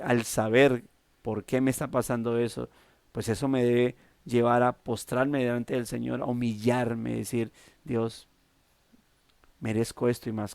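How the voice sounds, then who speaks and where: A man with a Colombian accent preaching a devotional sermon, halting with many restarts and fillers. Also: mid-range voice, creaky, darkish tone, no room sound. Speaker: pastor.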